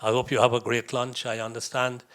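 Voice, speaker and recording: A man's voice: mid-range voice, little pitch movement, fairly quick, fairly bright tone. A man from India, giving a conversational lecture to young visitors, anecdotal with chuckles and asides.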